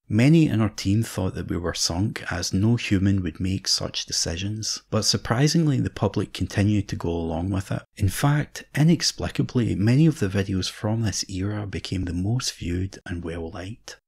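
A man narrating a scripted mock documentary in a measured, deadpan way. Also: low-pitched, gravelly, husky.

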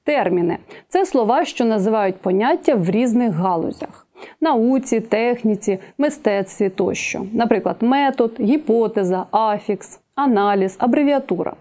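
Mellow-voiced woman teaching a lecture. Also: on the high side, lively intonation, soft background music. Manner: measured, listing examples one by one. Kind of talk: exam-prep video lecture.

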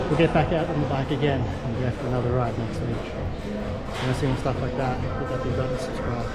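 Here a vlogger with a mid-range voice and fairly even intonation speaks fairly quickly, casually narrating his workout in an upbeat, self-deprecating tone. He films on a handheld action camera, first in the gym indoors and then outside by a car, with background music playing behind.

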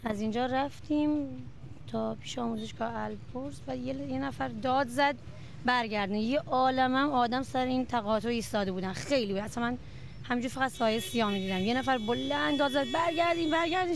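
A woman, a mother, recounting events as an eyewitness in a halting, emotional interview outdoors. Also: fairly high pitch, gravelly, slight background noise.

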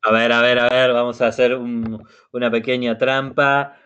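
Give me a male teacher on a video call, mid-pitched voice, muffled sound, encouraging and repetitive. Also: level tone, normal speed, a bit bright, clean tone. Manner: encouraging, repeats words often. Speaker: language facilitator. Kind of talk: reading a story and quizzing learners. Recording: muffled web meeting audio.

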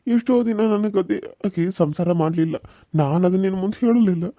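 A man's voice: high-pitched, fairly quick, mellow, no echo, studio quality. A man voicing a heartbroken young village husband in a cartoon serial, speaking North Karnataka Kannada in an anguished, emotional way. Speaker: voice actor.

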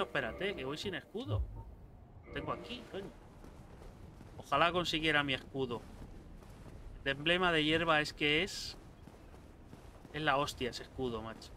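A young man runs casual gameplay commentary, swearing freely and heckling the enemies he meets. His voice sits a little high and sounds bright and forceful. A faint background hiss runs under the desk-mic recording. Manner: excitable, swears a lot, talks to enemies. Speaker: gameplay streamer. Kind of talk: casual let's-play commentary.

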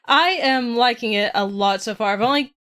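A woman's voice: a little high, normal speed, a bit bright. A woman co-hosting a gaming podcast, chatting casually with enthusiasm and giggles. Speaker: podcast co-host.

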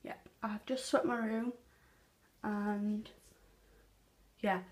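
A young woman chats casually to her vlog while wearing clear plastic retainers. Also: mid-range voice, steady tone, extremely slow. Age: teens. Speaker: vlogger. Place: small bedroom at home. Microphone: handheld phone camera at arm's length. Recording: phone recording with faint noise.

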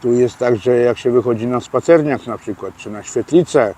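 A man gives casual interview answers outdoors beside a street, explaining prison slang in a hesitant way full of fillers and restarts. His mid-range voice is warm and his pace moderate.

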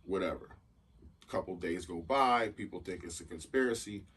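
A man's voice: sits low, moderate pace, fairly bright tone, slightly rough. A man co-hosting a podcast, chatting casually in a laid-back, rambling way with many fillers. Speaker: podcast co-host. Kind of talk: casual chat. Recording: distant mic with faint noise.

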